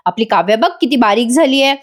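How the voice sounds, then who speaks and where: A woman reading the lines of an overjoyed older father-in-law in a television serial review, loud and bossy. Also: fairly high pitch, expressive, fast.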